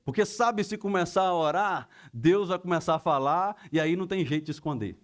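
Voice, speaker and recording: A middle-aged pastor preaches in a relaxed, conversational way. His voice sits fairly high for a man. He drops into quick acted-out exchanges to make his points. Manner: conversational preaching, acts out everyday dialogues in quick asides. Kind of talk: sermon.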